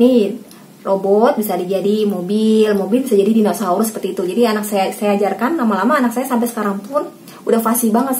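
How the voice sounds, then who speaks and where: A woman's voice: mid-range voice, darkish tone, a little hiss or hum. A woman in her thirties, a parenting vlogger from Indonesia, chatting casually to camera, often addressing viewers as Mams and acting out how she talks to her child.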